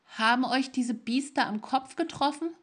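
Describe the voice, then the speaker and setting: A woman's voice: sits high, normal speed, pitched above the performer's own voice. A woman voicing a ragged, wary, protective woman.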